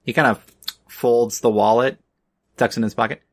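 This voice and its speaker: A man's voice: medium pitch, steady tone, normal speed. A man narrating as game master of a tabletop game, loose and full of fillers, laughing often.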